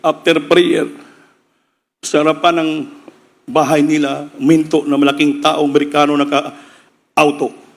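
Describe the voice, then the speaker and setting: In a large hall, a Filipino-accented pastor with a fairly high voice preaches a midweek sermon at normal speed, his delivery completely flat with long pauses. He tells a story and acts out its characters, shifting into dramatic quoted voices.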